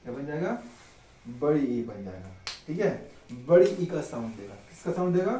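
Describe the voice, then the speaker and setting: A man's voice: fairly high pitch, big pitch swings, normal speed, dark tone, roomy sound, recorded from a distance, slight background noise, rough recording. A man teaching a grammar lesson, asking questions and answering them himself and checking in often with his students.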